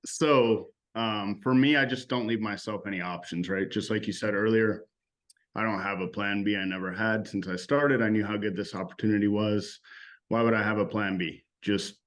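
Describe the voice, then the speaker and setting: A man's voice: lowish voice, fairly even intonation, moderate pace, fairly bright tone. A top-selling salesman giving straightforward advice about mindset on a team training call. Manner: straightforward, direct.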